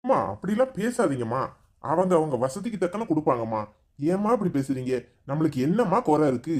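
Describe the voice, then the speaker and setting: A man voicing a mild young husband and son in a cartoon, pleading gently in Tirunelveli Tamil. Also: on the high side, sing-song, a little fast.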